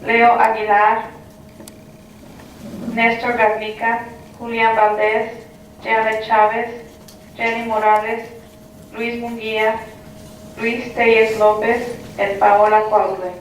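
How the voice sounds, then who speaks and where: A woman making a formal announcement over a school intercom loudspeaker, reading out a list of names. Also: fairly high pitch, little pitch movement, slow pace, long pauses, slight background noise. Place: classroom, voice from a wall speaker. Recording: echoey loudspeaker heard from far off in a classroom.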